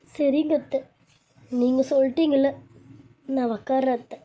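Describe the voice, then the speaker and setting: A woman's voice: sits high, fairly even intonation, measured pace, mellow, pitched above the performer's own voice. A woman voicing a tearful young pregnant daughter-in-law in a cartoon serial, talking meekly.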